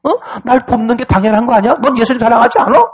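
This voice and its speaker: A man voicing an angry older sister who scolds her younger sister with sharp, rapid questions. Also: very high voice, husky, dull audio, voice pushed up. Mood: scolding.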